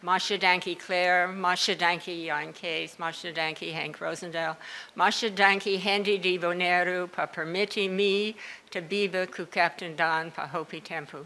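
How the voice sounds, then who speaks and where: A woman giving a short, simple speech of thanks in deliberate, repeated phrases. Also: fairly low pitch, steady tone, bright, forceful tone.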